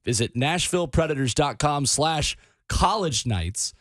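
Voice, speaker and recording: A male radio host delivers a contest promo in a fairly high voice. The sound is dry and close, as in a studio. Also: expressive, unhurried, fairly bright tone, no echo.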